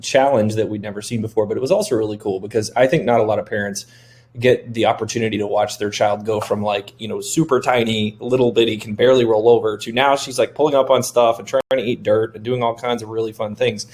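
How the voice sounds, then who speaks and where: A man in his thirties, a software developer, speaking candidly with some self-deprecating humor on a webinar panel. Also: on the low side, fairly even intonation, fast talker. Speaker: software developer, company founder. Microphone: video call.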